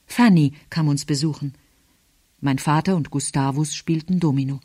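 A woman narrating a novel in calm, even storytelling. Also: deep voice, moderate pace, slightly rough, no room sound, studio quality. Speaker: audiobook narrator. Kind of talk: scripted narration.

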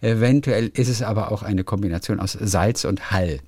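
A man's voice: on the low side, normal speed, a little mellow, no echo. Chatty man on a dry studio mic. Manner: rambling, chatty storytelling. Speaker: radio host. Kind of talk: casual phone chat.

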